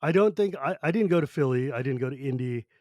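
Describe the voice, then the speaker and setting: A man's voice: medium pitch, lively intonation, quick pace, a little mellow, no room sound, lo-fi sound. A man hosting a podcast in a chatty, wry, casual style, often restarting his thoughts. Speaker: podcast host. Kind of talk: casual chat.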